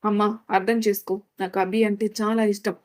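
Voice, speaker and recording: A woman's voice: medium pitch, little pitch movement, a little fast, darkish tone, close to an everyday voice. A determined young woman who pleads with her parents but will not back down, as a woman narrator voices her. A storybook heroine, earnest and stubborn. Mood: pleading. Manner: pleading yet firm.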